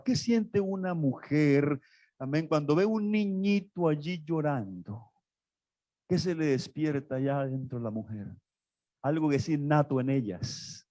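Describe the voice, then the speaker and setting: A man's voice: a little high, darkish tone, no room sound. A man pastor preaching a sermon, emphatic and repetitive, speaking straight to his congregation.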